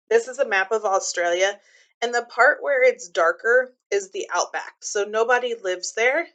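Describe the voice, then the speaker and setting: A woman reads a children's book aloud the way a teacher would, her voice bright and fairly high. She alternates between the story and her own remarks, keeping explanations simple and clear for young listeners.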